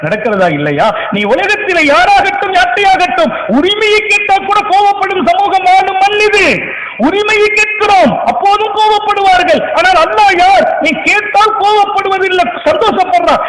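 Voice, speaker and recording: A male preacher delivers a sermon in a very high voice. He swings from impassioned shouting to hushed, quick asides. The recording is echoey, with clear noise behind him. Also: animated.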